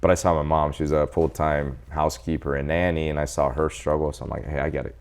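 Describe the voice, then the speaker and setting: A fast talker with a rumbling low voice, this Salvadoran doctor in his forties narrates his own life during a casual interview. He's animated and keeps quoting the people in his story.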